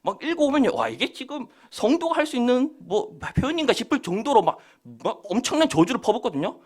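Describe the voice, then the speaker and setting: Male pastor, high voice, quick and animated, dramatizes quotes in a sermon. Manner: lively, acts out quoted prayers and boasts.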